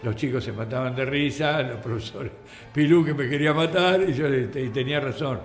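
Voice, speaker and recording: An older man with an Argentine accent, a radio guest telling anecdotes in a lively way and acting out the voices in his stories. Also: medium pitch, a little fast. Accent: Argentine Spanish. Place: radio studio. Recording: roomy radio studio with faint music.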